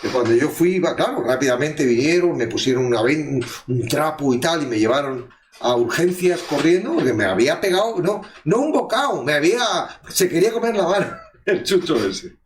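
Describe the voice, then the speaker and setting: A man leading a casual Bible study, telling stories in an animated way and acting out the voices of the people in them. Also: on the high side, fairly quick, a little hiss or hum. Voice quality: animated storytelling, acts out voices. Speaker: preacher. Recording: echoey room.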